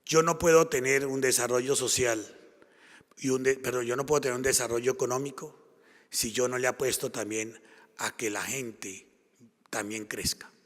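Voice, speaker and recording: The speaker is a man from Colombia with a Colombian Spanish accent, giving a public lecture at a conference. His voice is mid-range and fairly bright, and he presses his points emphatically through repetitive rhetorical build-ups. Long reverb from the conference hall colors the recording.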